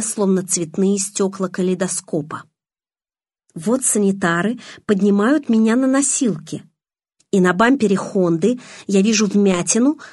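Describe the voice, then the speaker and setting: Woman, audiobook narrator, first-person storytelling, expressive, husky, dry close mic. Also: medium pitch, no echo.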